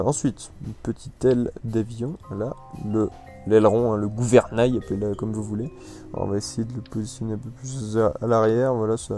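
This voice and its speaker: A man giving casual, rambling commentary on a video game, full of hesitations and restarts. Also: mid-range voice. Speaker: gameplay commentator. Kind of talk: casual let's-play commentary. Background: soft background music.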